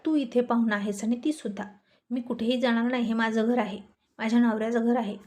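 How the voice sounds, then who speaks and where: Woman reading as a haughty, sharp-tongued wife. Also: fairly high pitch, steady tone, fairly quick, close to an everyday voice. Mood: scornful. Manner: haughty, insulting. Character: proud sharp-tongued married woman with memory loss.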